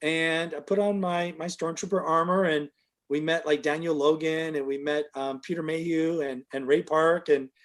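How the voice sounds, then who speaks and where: A man's voice: fairly high pitch, flat delivery, normal speed. A middle-aged man telling a long, casual story as an interview guest, full of fillers, and livelier when he quotes other people.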